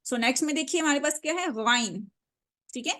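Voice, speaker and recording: A woman teaching Quran recitation in a lesson, patiently repeating words slowly for her pupils, speaking words. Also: sits high, animated, bright, forceful tone. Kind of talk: online tajweed lesson.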